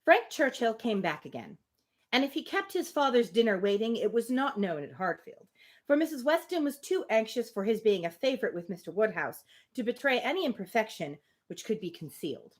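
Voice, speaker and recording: A woman with a rather high voice hosts a livestream reading of a classic novel, speaking a little fast. She reads expressively, breaking off now and then for casual, amused commentary.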